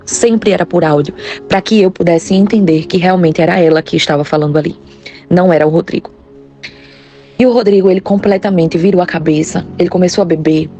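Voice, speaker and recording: A woman reads a personal testimony in the first person. Her voice sits low and mellow, and her delivery is earnest and confessional. Faint music plays beneath her. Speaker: testimony narrator.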